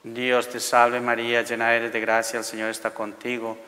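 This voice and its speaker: A middle-aged priest reciting liturgical prayers in a measured, formulaic way, his voice echoing as in a cathedral. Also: medium pitch, monotone, pushed and bright. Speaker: priest leading the rosary. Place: large church interior, seated by the altar. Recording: long echoing reverb of a church.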